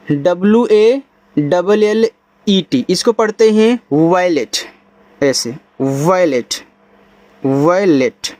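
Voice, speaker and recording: A man teaching English reading, spelling words letter by letter, then saying them slowly. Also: high-pitched, lively intonation, dark tone, no room sound. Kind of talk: spelling-out phonics lesson.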